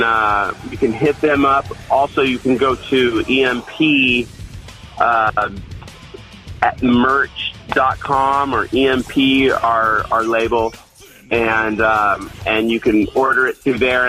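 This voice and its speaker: Laid-back rock musician, bright voice. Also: male voice, mid-range voice, rough recording. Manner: laid-back, loose, full of fillers and restarts. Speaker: touring rock band member, guest. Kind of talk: casual interview chat.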